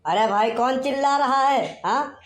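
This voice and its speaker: A woman's voice: high voice, a little slow. A woman voicing a crafty male village headman in a cartoon, bossy and lecturing in an Awadhi accent. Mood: scolding. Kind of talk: cartoon comedy voice acting.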